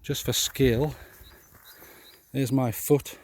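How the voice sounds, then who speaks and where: A middle-aged man talks into a handheld camera outdoors among old ruins. His voice sits at an ordinary middle pitch. He chats and cracks jokes as he points things out. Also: steady tone, takes it slowly, a little mellow. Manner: chatty, jokey, talks to camera. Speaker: vlogger. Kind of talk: casual walking tour commentary. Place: outdoors at a castle ruin. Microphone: camera held by the speaker.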